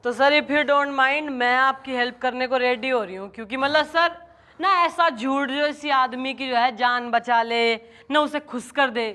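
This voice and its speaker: A woman playing a police inspector in a TV sitcom, blunt and brisk, mixing in English phrases. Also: high voice, pushed and bright. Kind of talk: TV sitcom acting.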